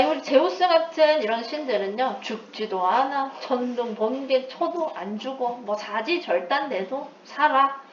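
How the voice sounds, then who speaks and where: A woman's voice: a little high, recorded from a distance, slight background noise. A woman teacher giving an English lesson, explaining with playful asides and mixing in English terms. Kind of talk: recorded lecture. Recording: echoey room, away from the mic, dull lo-fi sound.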